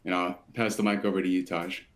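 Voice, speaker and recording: A man from a sales team hosting a live software webinar, walking listeners through the agenda in a steady, polished presenter manner. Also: low-pitched, fast talker.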